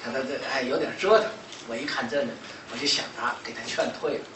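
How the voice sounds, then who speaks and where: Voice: medium pitch, quick pace. A lecturer with a Shandong Mandarin accent tells a story animatedly, acting out conversations and laughing often. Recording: echoey, distant, noisy room recording.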